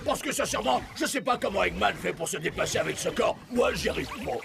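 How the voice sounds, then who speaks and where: A man voicing an exasperated cartoon hero stuck in a villain's bulky body, insistent and gravelly. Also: high-pitched, lively intonation, fast, over music, exaggerated voice. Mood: sheepish. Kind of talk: animated series dubbing.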